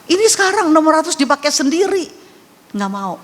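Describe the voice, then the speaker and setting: A woman's voice: sits high, sing-song, brisk. Older woman preaching in a reverberant hall. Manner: conversational storytelling, emphatic repetitions. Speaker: pastor. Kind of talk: sermon testimony.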